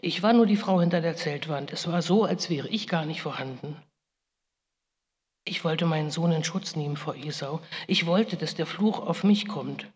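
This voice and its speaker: A woman's low-sitting voice, only lightly acted, gives life to Rebekka, a biblical mother burdened with guilt. Her solemn monologue, spoken in the first person with occasional pleading outbursts, rings through a large echoing hall.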